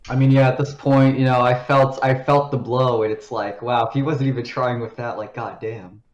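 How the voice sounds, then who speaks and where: A man's voice: mid-range voice, fairly even intonation, normal speed, dull audio. Joking young man player, roomy mic. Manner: casual, joking, slangy. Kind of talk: casual tabletop play.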